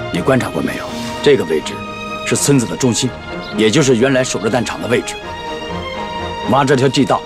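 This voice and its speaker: An actor playing a calm, shrewd, battle-hardened male commander who explains his plans steadily in a TV war drama. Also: medium pitch, close to an everyday voice. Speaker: army commander.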